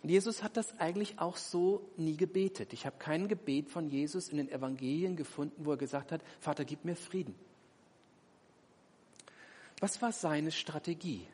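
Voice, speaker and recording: Husky-voiced man preaching in a reverberant hall. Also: on the high side, a little fast, few pauses, a little mellow. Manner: dramatic, rhetorical questions, emphatic. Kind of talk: sermon.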